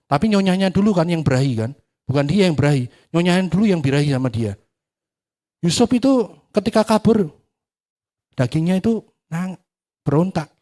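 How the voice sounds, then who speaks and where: Male preacher, warm dark tone, animated storytelling sermon with acted-out dialogue. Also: high-pitched. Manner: animated storytelling, acts out dialogue, swings from loud to hushed. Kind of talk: sermon with personal testimony.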